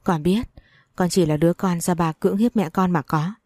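A woman's voice: on the low side, normal speed, a little mellow, dry recording, lightly acted. A woman voicing a hurt young wife. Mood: plaintive. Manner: plaintive, confiding. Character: young wife hurt by her cruel father. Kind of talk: audiobook story reading.

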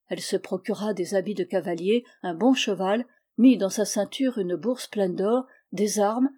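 Une femme qui lit un conte de fées d'une narration mesurée et expressive. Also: female voice, medium pitch, slightly rough. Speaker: storyteller. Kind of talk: fairy tale reading.

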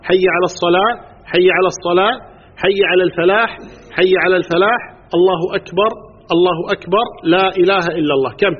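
A man with a Kuwaiti Arabic accent teaches a class on religious law at a very fast clip, pausing to quiz his listeners and count items aloud. His voice sits high and sounds somewhat husky. The recording is dull and lo-fi, with a long hall echo trailing each phrase. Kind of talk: religious lesson to a live class.

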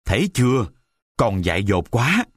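A man voicing a kind, poor old woodcarver father in a storybook reading, speaking in a gentle, mumbling fatherly way. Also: mid-range voice, very animated, normal speed, no room sound, studio quality. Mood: fond.

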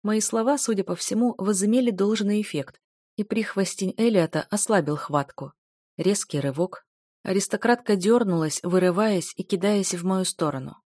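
A woman narrating a first-person fantasy audiobook in a steady, even storytelling voice. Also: mid-range voice, moderate pace, no room sound, studio quality.

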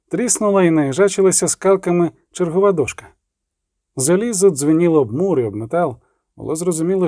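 A man reading a fantasy novel as an audiobook narrator, steady and expressive. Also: fairly high pitch, no room sound, studio quality. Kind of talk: scripted narration.

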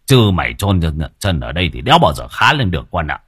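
A man voicing a rough-talking, fatherly old man who speaks coarsely and briskly. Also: low voice, very animated, fairly bright tone, no echo, studio quality, pitched below the performer's own voice, heavily acted. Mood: brusque.

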